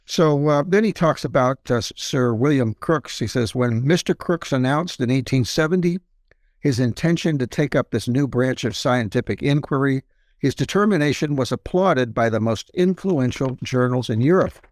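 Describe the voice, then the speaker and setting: A man's voice: mid-range voice, expressive, normal speed, darkish tone, no echo. A man speaking as a researcher and interview guest, casually explaining with conversational asides.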